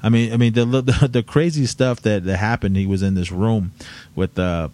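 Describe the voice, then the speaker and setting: A man co-hosting a casual podcast chat, recounting a story in a rambling, halting way. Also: fairly low pitch, fairly even intonation, warm tone. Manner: rambling, halting, lots of fillers.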